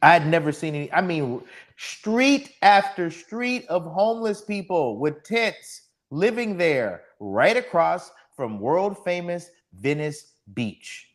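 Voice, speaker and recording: A man's voice: on the high side, big pitch swings, slow. A man in his forties from Texas, hosting a solo live podcast stream, ranting sardonically and speaking to the chat. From Texas, USA. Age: 40s. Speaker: podcast host.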